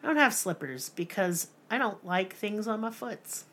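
A woman's voice: mid-range voice, expressive, normal speed, fairly bright tone. A woman hosting a casual podcast, telling a true story with profane jokes and mock voices. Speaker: podcast host.

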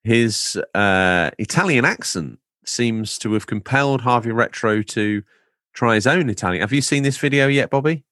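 A man's voice: mid-range voice, moderate pace, fairly bright tone, dry recording, clean studio sound. A man hosting a podcast in casual chat, reading out listener comments with playful, rambling asides. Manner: playful, rambling, theatrical emphasis. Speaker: podcast host.

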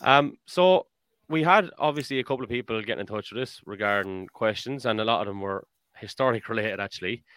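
A man's voice: fairly low pitch, brisk, a bit bright, smooth, no room sound. An Irish man hosting a podcast in a casual, conversational style. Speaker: podcast host. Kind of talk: casual chat.

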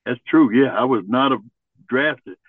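An older man from Ohio, a Vietnam veteran, telling his life story in an interview in an earnest, halting way. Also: medium pitch, dry recording. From Ohio, USA. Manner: earnest, halting, searching for words. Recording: tinny phone-like line.

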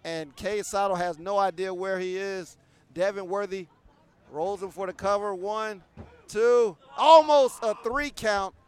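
A man calling live wrestling play-by-play, rattling off moves and bursting loud on the big spots. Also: high-pitched, unhurried, smooth.

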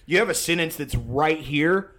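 A man's voice: a little high, moderate pace, a bit bright. Rambling young man telling a wild story. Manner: rambling, lots of fillers and restarts, laughs often. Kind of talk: casual profane storytelling.

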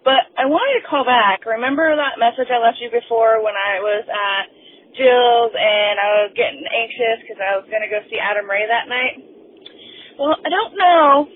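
A woman leaving a gushing, excited voicemail on speakerphone from her car, over a phone line. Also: high voice, breathy edge. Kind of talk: casual rambling phone message. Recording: tinny phone line with faint car noise.

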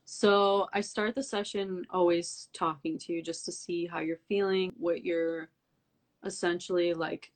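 A young woman with a slightly low voice talks through her story as a guest in a relaxed interview. She fills her sentences with "like" and acts out her own past thoughts in an animated way. She speaks as a breathwork coach. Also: a little slow. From Albanian heritage. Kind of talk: casual interview conversation.

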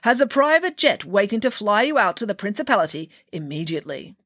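A woman's voice: medium pitch, big pitch swings, a little fast, a bit bright, no echo, clean studio sound. A woman voicing a pompous male royal herald who speaks in stiff, formal tones.

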